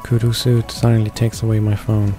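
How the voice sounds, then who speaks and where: A man with a level tone and a voice on the low side reads a visual novel's narration a little fast for his gaming channel. He trips over words along the way, while faint game music sits in the background.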